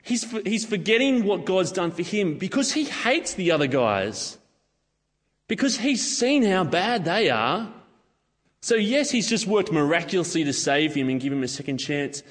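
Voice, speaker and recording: A man's voice: high voice, sing-song, moderate pace. A man preaching a sermon, telling stories casually and acting out what people say. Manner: casual storytelling with acted-out quotes. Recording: long hall reverb.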